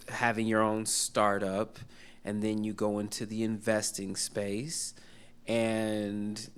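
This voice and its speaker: A man moderating a fireside chat, asking measured questions and giving short affirmations. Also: fairly low pitch, clean tone. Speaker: interviewer, moderator.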